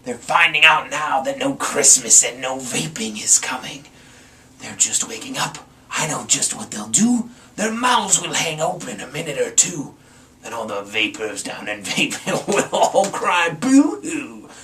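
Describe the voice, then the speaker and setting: A man's voice: medium pitch, sing-song, unhurried, pushed and bright, heavily acted. Man playing the sly, gloating Grinch, heard from afar. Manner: theatrical, slick, gloating. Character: sly, gleefully nasty Grinch, grumpy scheming Christmas monster. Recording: distant mic, faint background noise.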